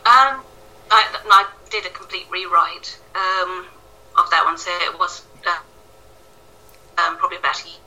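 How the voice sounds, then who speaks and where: Speaking from an echoey kitchen at home, this Welsh author answers interview questions casually and pokes fun at herself. Her lowish voice is bright and forceful, moving at a moderate pace with frequent pauses. The call audio sounds distant and tinny.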